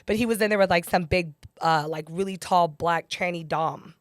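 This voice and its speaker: A woman's voice: fairly low pitch, normal speed, no echo, clean studio sound. A woman hosting a podcast in casual chat, telling stories with lots of laughter and acted-out quotes. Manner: animated storyteller, laughs a lot, acts out quotes. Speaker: podcast host.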